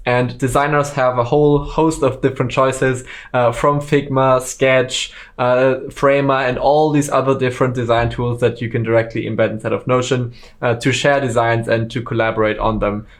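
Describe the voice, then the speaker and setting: In this screen-recorded software lesson, the instructor, a native German speaker with a mid-pitched voice, moves at a moderate pace with few pauses. He stays relaxed, though ums and uhs come up often.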